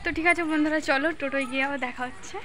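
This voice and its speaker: A woman's voice: high voice, steady tone, rapid-fire. A woman vlogging casually, chatting with her viewers as friends while out on the streets and at a market. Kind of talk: casual vlog narration. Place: outdoors on busy streets and a market. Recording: noisy street with crowd. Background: traffic and crowd noise.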